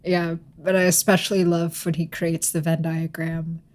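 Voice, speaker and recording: A woman co-hosting a podcast in relaxed, easygoing chat. Her voice sits a little low and she often breaks into laughter. She fills her pauses with ums. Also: slight background noise. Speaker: podcast co-host. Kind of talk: casual chat.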